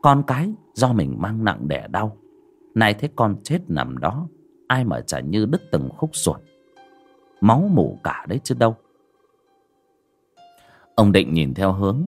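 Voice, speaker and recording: Man, horror story narrator, dramatic, very lively pitch. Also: measured pace, long pauses, slightly rough. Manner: dramatic storytelling with colloquial asides. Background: faint music.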